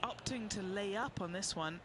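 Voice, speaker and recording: A man's voice: high voice, moderate pace, noisy background. A man giving live golf commentary as an on-course reporter.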